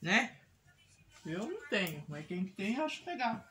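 A Brazilian home vlogger and mother in middle age chats sing-song at a measured pace and medium pitch while doing housework. She rambles and repeats, often finishing with a tag that checks in with the listener, and there are clear household noises and handling clicks in the small room.

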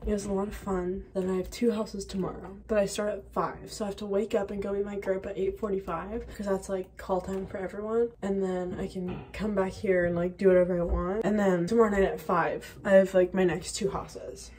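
A woman's voice: mid-range voice, little pitch movement, fairly quick, hardly any pauses, mellow. A young woman chatting casually to her vlog in a girlish way, peppering her sentences with "like". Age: young adult. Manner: chatty, girlish, heavy use of "like". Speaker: vlogger, college student in sorority recruitment. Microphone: phone at arm's length or propped nearby.

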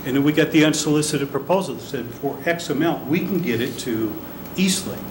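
A man's voice: fairly high pitch, lively intonation, a little fast. An older man, an elected director, answering a city council from a podium, earnest and defensive. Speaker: elected transit board director. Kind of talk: presenting at a public council meeting. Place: large council chamber, standing at a podium. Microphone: podium microphone. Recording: noisy council chamber recording.

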